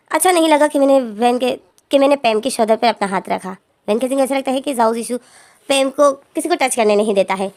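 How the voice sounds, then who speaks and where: A woman's voice: high voice, a little mellow. A woman casually retelling a story, chaining her sentences with constant connecting fillers.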